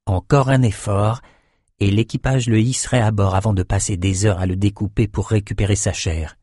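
A man reads a fantasy adventure aloud in an even, measured way. His voice sits low, and the recording is dry and close with no room sound. The pacing is steady and controlled. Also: no room sound. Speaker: audiobook narrator. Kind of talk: scripted fantasy narration.

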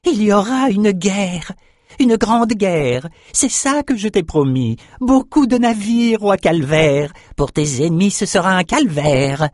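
A shrill, crazed albino shaman. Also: lively intonation, darkish tone, no echo, studio quality. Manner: broken speech, slow and sing-song. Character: scrawny albino male shaman, cringing and crazed.

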